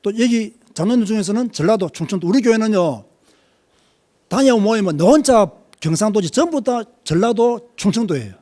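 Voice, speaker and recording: Lively Korean preacher. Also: male voice, high-pitched, fairly quick. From Korea, Busan. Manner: lively preaching, questions to the congregation. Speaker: pastor. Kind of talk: sermon.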